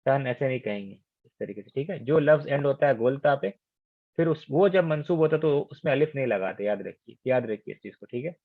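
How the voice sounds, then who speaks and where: A man from India teaching Arabic grammar in an online lesson, explaining patiently, checking understanding often and drilling words slowly. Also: medium pitch, expressive, dry recording. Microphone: online call. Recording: tinny phone-like call audio.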